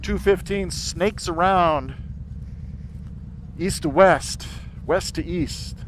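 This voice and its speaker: Slow-talking man inside a motorcycle helmet. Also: high-pitched. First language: English. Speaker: motorcycle vlogger. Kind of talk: casual narration while riding. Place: outdoors on a motorcycle in city traffic. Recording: road, wind and vehicle noise. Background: traffic and motorcycle ride noise.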